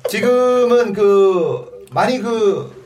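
A man's voice: sits high, animated, extremely slow, over music. A male host asking his guests teasing questions in a casual talk show.

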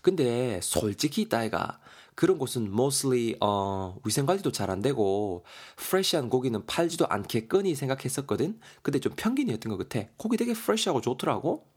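A man's voice: medium pitch, big pitch swings, fairly quick, a little mellow, husky. A man voicing a chatty, teasing young woman friend in dialect. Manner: teasing, exclaiming.

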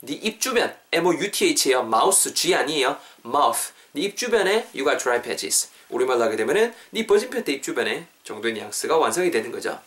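A man hosting a podcast English lesson. He repeats English phrases slowly and explains them quickly. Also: medium pitch, sing-song, fairly bright tone. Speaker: English teacher, podcast host.

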